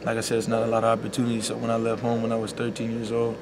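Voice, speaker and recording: A young man talks in a soft, heartfelt way, sprinkling in "you know" as he answers reporters. His voice stays very level with almost no rise and fall, sitting at a middling pitch. Loud background noise runs under the whole recording. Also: completely flat delivery, racing. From Bahamas. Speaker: college basketball player. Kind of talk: media scrum interview.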